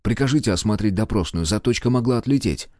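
A man voicing a calm male investigator who explains things in a measured way. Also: fairly low pitch, no room sound, studio quality, lightly acted. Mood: explaining.

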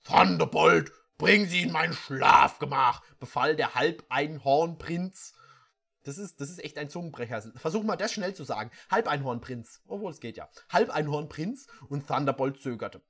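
A reader performing a comedic reading of bad fan fiction, breaking off for sarcastic, deadpan asides. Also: mid-range voice, moderate pace.

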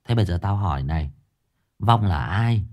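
A man voicing a stern village shamaness who scolds quickly and sharply. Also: low-pitched, expressive, a little mellow. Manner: scolding, brisk.

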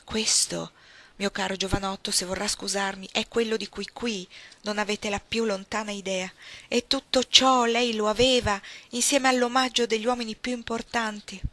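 A woman's voice: medium pitch, steady tone, moderate pace, pushed and bright, no room sound, lightly acted. A woman reading the part of a theatrical, effusive older aristocratic aunt in an audiobook, with grand dramatic emphasis. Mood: gushing.

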